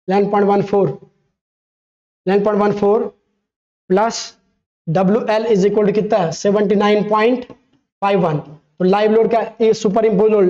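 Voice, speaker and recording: A man's voice: high-pitched, a little mellow, dull audio. A man tutoring engineering students for an exam, asking rhetorical questions and repeating key terms as he works through problems, correcting himself casually as he goes. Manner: self-correcting, conversational teaching. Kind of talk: exam-prep lecture over a worked problem.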